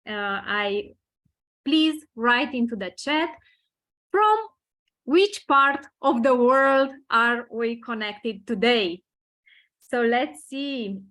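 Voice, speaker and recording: A Romanian woman hosting an online presentation over a video call, welcoming people slowly and repeating her words. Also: high voice, bright, forceful tone. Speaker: webinar host.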